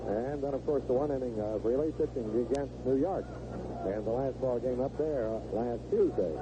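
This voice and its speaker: On a noisy, narrow-band vintage AM broadcast, a man gives live 1970s radio play-by-play of a baseball game in short, clipped phrases. His voice is medium-pitched at a moderate pace.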